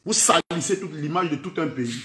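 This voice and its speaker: Cameroonian man, Camfranglais-laced French, high voice, menacing social-media rant in a roomy echo. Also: animated, moderate pace, noisy background. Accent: Cameroonian French, mixing in Camfranglais. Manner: threatening, heated, keeps repeating "man" and "vrai".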